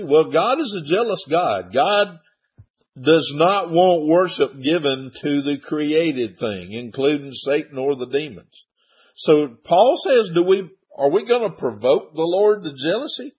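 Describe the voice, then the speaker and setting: A man teaching a Bible study, reading verses aloud and explaining them in a loose, halting way with frequent fillers. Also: mid-range voice, darkish tone, slightly rough. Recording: dull lo-fi recording.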